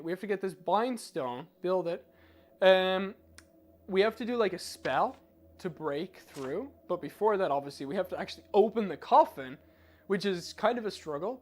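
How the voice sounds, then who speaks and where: Male game streamer, high voice, casual live commentary, chatty, informal, self-deprecating. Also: animated, normal speed, darkish tone.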